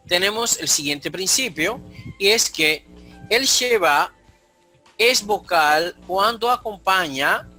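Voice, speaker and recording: Patient male language teacher, slow deliberate delivery, high pitch. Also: pushed and bright. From Dominican Republic. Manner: slow, explanatory, repeats key points. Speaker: Hebrew teacher. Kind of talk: online grammar lesson.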